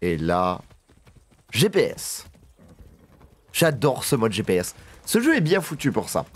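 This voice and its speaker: A man giving casual gameplay commentary, excitable and swearing, chatting to his horse as he plays. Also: lowish voice, a little slow. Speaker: gaming video creator.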